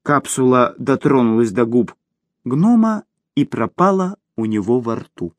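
Expressive male audiobook narrator. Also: mid-range voice, measured pace, no room sound.

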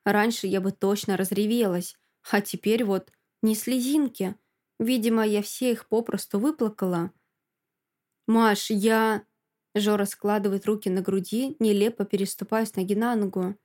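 A woman narrating a first-person story in an expressive audiobook reading. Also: mid-range voice, normal speed.

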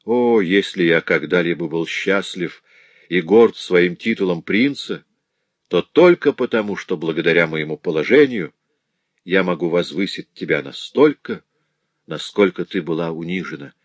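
A man's voice: low-pitched, lively intonation, moderate pace, dry recording. A man voicing a noble prince, a grieving and overjoyed middle-aged father, speaking in an impassioned, exclaiming way.

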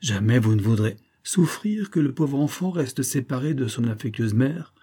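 A man's voice: mid-range voice, lively intonation, moderate pace, mellow, breathy edge. A man reading the part of a bored, spiteful married woman, weary, sardonic and impatient, in an audiobook.

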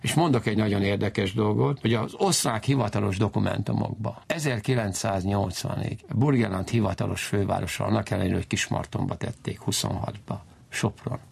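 In an informal interview about history, a man speaks with emphasis, wanders off on tangents, and keeps circling back to restate his main points. His voice is fairly low, gravelly and husky, yet a little mellow.

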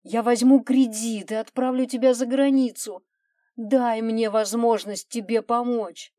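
A woman's voice: mid-range voice, measured pace, warm tone, no room sound, clean studio sound, close to an everyday voice. A woman voicing a loving husband who begs his wife to open the door, urgent and emotional. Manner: urgent pleading. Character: loving husband, pleading and determined.

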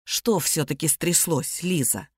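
A woman reading an anxious middle-aged businessman and father, hoarse and pleading. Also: medium pitch, expressive, moderate pace, dry recording, clean studio sound, natural voice. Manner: hoarse, pleading and shouting by turns.

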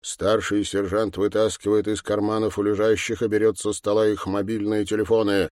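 Guy reading an audiobook, lowish steady voice, dry close sound. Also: normal speed, no echo. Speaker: narrator. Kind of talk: audiobook narration.

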